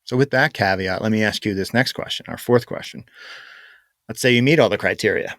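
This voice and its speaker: A man co-hosting a podcast, talking casually and explaining things with many fillers and pauses. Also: on the low side, fairly bright tone, dry recording, studio quality. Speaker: podcast co-host. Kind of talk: casual chat.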